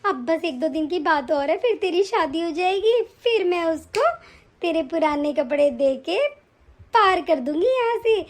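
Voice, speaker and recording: A woman's voice: very high voice, animated, unhurried. A woman voicing a scheming, wealthy middle-aged aunt who bosses her family around in a curt, commanding way for a cartoon. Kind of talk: cartoon voice acting.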